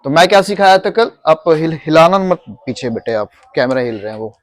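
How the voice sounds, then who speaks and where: A man's voice: fairly high pitch, a little fast, dry recording. A male teacher in a classroom, drilling students on pronunciation and patiently repeating words, mixing English into his Hindi.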